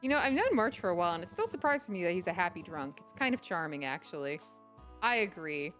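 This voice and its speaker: Animated woman reading game dialogue. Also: on the low side, quick pace, soft background music. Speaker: livestreamer.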